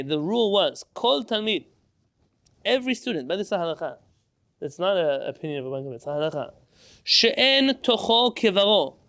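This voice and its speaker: A man's voice: sits high, a bit bright. A man teaching a Talmud class, explaining step by step and asking and answering his own questions.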